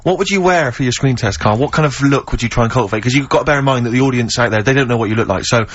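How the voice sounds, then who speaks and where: English male radio co-host, sardonic and dry, husky tone, lo-fi radio recording. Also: mid-range voice, racing. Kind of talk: bantering radio chat.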